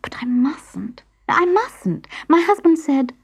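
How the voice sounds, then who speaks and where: A woman's voice: fairly low pitch, huge pitch swings, moderate pace, a little mellow, breathy edge, heavily acted. A woman voicing a curious young woman who whispers to herself, tempted and torn. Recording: music playing behind.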